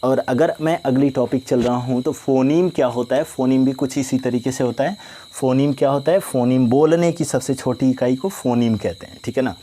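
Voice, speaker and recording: A male teacher giving a grammar lesson, dictating definitions slowly and often asking if students follow. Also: mid-range voice, warm tone. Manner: slow, repetitive dictation with frequent "ठीक है ना?" check-ins.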